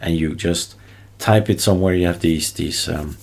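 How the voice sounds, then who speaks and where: A man's voice: low-pitched, moderate pace, creaky, darkish tone. A man from Belgium with a Belgian accent, a non-native English speaker, presenting a casual screencast tutorial in short choppy phrases with offhand asides. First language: not English. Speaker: tutorial host. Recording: noticeable background noise, keyboard clicks and typing. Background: keyboard typing and mouse clicks.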